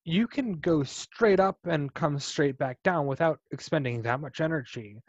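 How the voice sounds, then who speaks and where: A man's voice: on the high side, moderate pace, no echo. Man lecturing over a dull video call. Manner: relaxed and explanatory, with frequent ums and restarts. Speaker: guest speaker presenting on spacecraft engineering.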